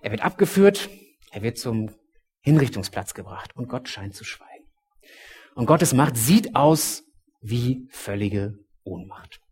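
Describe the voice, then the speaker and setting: A male preacher delivering a sermon in a middle-pitched voice. He tells the story vividly, dropping to a hush at some moments and rising in volume at others. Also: lively intonation, unhurried, slightly rough. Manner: storytelling, dramatic shifts between loud and hushed.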